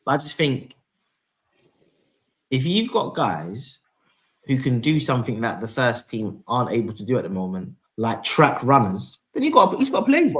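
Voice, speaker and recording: A panelist on a casual football stream with a mid-range voice that swings widely in pitch. The talk is lively, with reactions acted out in little quoted asides. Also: normal speed.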